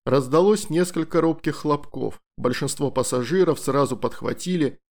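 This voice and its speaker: A male audiobook narrator with a medium-pitched voice. He reads scripted first-person fiction in a measured manner, enunciating each phrase clearly.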